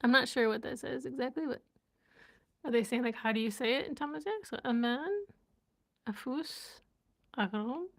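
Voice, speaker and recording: A woman's voice: sits high, moderate pace, creaky, long pauses. A young woman chatting casually on a live stream, giggling and sounding out words as she learns them. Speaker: vlogger and language learner.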